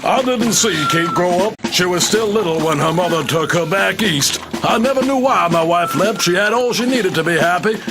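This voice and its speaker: A man's voice: high voice, lively intonation, moderate pace, hardly any pauses, over music. An actor playing a pompous, self-important cavalry colonel who barks commands at his soldiers. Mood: wistful. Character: pompous bossy cavalry colonel, middle-aged man.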